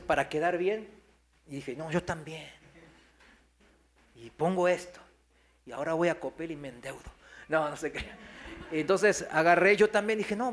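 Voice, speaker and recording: A man's voice: high-pitched, a bit bright. A man, a pastor giving a sermon testimony, telling a story and acting out the people he quotes while asking the congregation questions. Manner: storytelling, acts out quoted voices, asks the congregation. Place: church hall.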